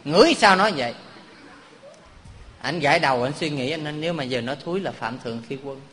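A Buddhist monk gives a humorous dharma talk, quizzing his listeners, joking and telling stories. His voice is a little high, bright and a little fast with lively intonation, heard with slight background noise and long hall reverb.

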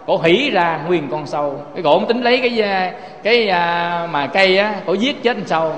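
His voice sits high and a bit bright, with lively intonation at a moderate pace, echoing through a room with a long reverb tail. The man, who has a Southern Vietnamese accent, preaches Buddhism through rhetorical questions and frequent direct address to listeners.

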